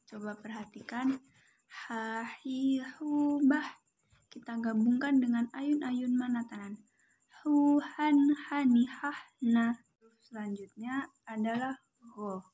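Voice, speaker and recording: A young woman from Indonesia giving a Quran recitation lesson, explaining each letter slowly and carefully and drawing out the sample syllables. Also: a little high, darkish tone, slightly rough, low-quality recording. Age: young adult. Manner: slow, careful instruction with drawn-out sample syllables. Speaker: student presenting a lesson.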